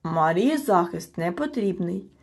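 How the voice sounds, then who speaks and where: A woman's voice: lowish voice, expressive, measured pace, gravelly, a little mellow, heavily acted. A woman doing a pompous little creature judge. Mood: officious. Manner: pompous, clipped and officious. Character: stern self-important male storybook creature acting as judge.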